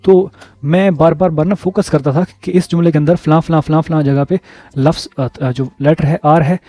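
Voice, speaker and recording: A man telling personal stories in a casual vlog, relaxed and repeating words for emphasis. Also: on the high side, no room sound. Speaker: vlogger.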